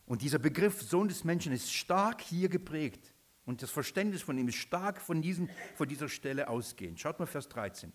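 A man's voice: fairly high pitch, lively intonation, moderate pace, slight background noise. A man preaching a sermon, emphatic, repeating his points and asking the listeners questions.

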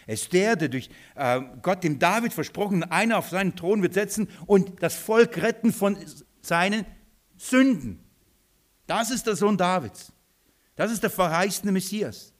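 A man preaching a sermon, asking his listeners questions and swinging between soft low asides and loud, high, emphatic lines. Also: lively intonation, a little slow.

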